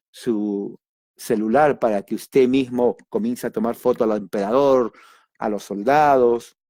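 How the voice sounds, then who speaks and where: Mellow-voiced man teaching Bible study. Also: medium pitch, no room sound, clean studio sound. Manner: conversational, addresses listeners directly with frequent "ok"; emphatic asides and sudden exclamations.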